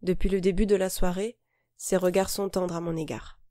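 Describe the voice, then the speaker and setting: A woman narrating her own novel in the first person, in a calm, measured, intimate reading. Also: lowish voice, dry recording, studio quality. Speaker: audiobook narrator and author.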